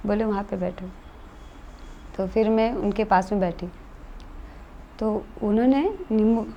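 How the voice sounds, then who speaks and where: Woman telling her story, mellow and a bit high voice, faint hiss behind. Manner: earnest, matter-of-fact retelling in plain conversational Hindi. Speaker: guest telling a true experience. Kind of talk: casual interview storytelling.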